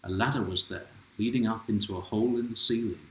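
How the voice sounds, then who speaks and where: Speaking fast in a lowish voice, a man reads his own children's picture book aloud amid slight background noise and roomy home-room echo. He's gentle throughout, pausing to ask the child and viewers questions.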